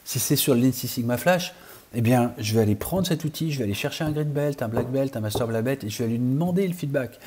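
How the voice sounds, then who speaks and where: A man's voice: medium pitch, fast, breathy edge. A man who works as a coach, teaching an online training lesson and explaining step by step straight to his learners. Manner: steady explanatory, speaks directly to learners.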